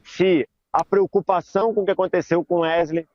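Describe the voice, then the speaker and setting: A high-voiced man speaks to a sports panel as a reporter back from the stadium. He tells what he saw slowly and thoughtfully. The sound is dull and close, with no room echo. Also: steady tone. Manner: slow, reflective storytelling. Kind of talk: debate panel commentary.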